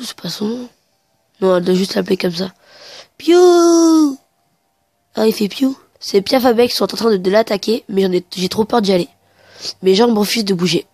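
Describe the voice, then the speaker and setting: A woman's voice: on the high side, darkish tone, no room sound. A woman chatting casually through a let's play, hesitant and stumbling, reading game dialogue aloud while sniffly with a cold. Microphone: headset mic.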